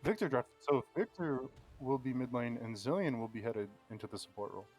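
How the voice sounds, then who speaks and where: A man calling a live esports draft pick by pick in steady play-by-play, with frequent ums. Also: mid-range voice, fairly quick, soft background music. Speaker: play-by-play caster.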